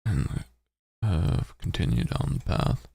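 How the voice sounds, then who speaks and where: A man with a husky, slow voice streams a game in a close, dry sound. He reads the story text aloud with swooping pitch and drops into halting, muttered asides. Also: very animated, dark tone, dry recording. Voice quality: very deep, gravelly, husky. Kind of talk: reading game text aloud with casual commentary.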